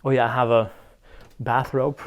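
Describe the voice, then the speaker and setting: A man's voice: medium pitch, flat delivery, moderate pace. A young man from Croatia, vlogging a casual tour of his apartment, joking and chuckling often. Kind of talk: casual chat. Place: apartment, indoors.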